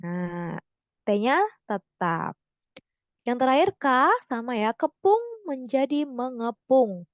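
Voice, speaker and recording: A young woman tutoring online in a casual way, correcting herself and slowly stressing example words. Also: fairly high pitch, animated, a little mellow, lo-fi sound. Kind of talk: explaining grammar lesson.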